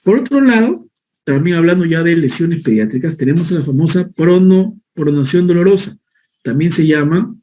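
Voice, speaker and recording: Guy doing a med lecture, kinda high voice, keeps checking everyone's following. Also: a little mellow. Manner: explanatory, checks in with listeners often. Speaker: physician lecturer. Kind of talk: medical lecture.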